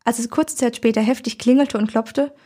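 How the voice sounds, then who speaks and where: Husky woman reading a story aloud. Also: a little high, fairly even intonation, normal speed, mellow. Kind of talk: first-person audiobook narration.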